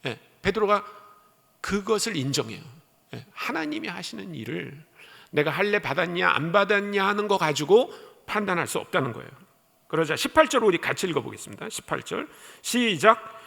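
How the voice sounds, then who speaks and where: Animated, gravelly high-voiced male preacher. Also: a little fast. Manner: animated, asks congregation questions. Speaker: missionary preacher. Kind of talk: sermon with scripture reading. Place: church sanctuary. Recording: echoey church hall.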